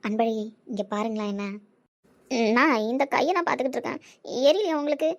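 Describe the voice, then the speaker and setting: A woman's voice: fairly high pitch, animated, brisk. A woman voicing a childlike, innocent, sweet-natured young woman who chatters eagerly.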